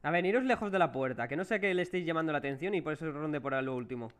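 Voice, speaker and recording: Jumpy Spanish gamer man, higher voice. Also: rapid-fire, fairly bright tone. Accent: Spain Spanish. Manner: jumpy, curses and groans when startled. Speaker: livestreaming gamer. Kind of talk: live horror game commentary to viewers.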